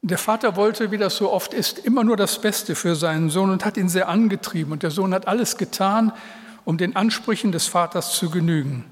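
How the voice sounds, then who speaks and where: A middle-aged male pastor preaching an earnest, heartfelt sermon to his congregation, with pauses between phrases. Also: high voice. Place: church hall. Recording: reverberant church hall. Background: long reverb.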